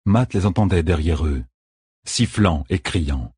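A man narrating an audiobook chapter in a slow, measured reading. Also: low-pitched, expressive, a little mellow, slightly rough, no room sound, clean studio sound. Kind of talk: scripted narration.

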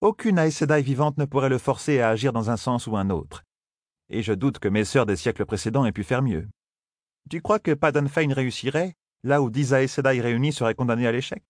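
A man voicing a calm, learned female sorceress, in a measured, explanatory way, for a fantasy audiobook. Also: medium pitch, dry recording, clean studio sound, pitched above the performer's own voice, natural voice. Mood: firm explaining. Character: female Aes Sedai scholar, calm and knowing.

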